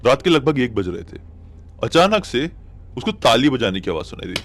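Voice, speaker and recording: A man telling a spoken horror story in a chatty, dramatic way, with sudden loud peaks. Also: medium pitch, sing-song, moderate pace.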